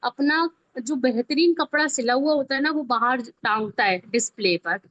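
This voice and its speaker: A woman who teaches video editing speaks at a moderate pace in a high-pitched, fairly bright voice with an Indian accent. Her informal online tutorial moves step by step, and she talks conversationally while frequently checking that everyone follows. The class audio is dull and lo-fi.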